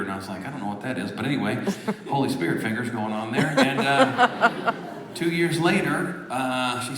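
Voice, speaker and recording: A man telling a story between songs on a church stage, animated, then dropping to a hushed voice. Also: medium pitch. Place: large church hall with an audience. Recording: echoey church hall, crowd reacting. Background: audience responses.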